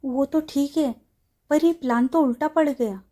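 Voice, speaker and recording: A woman's voice: high-pitched, a little slow, warm tone, voice pushed up. A woman voicing a sheepish young woman friend who answers defensively in a storybook audio drama.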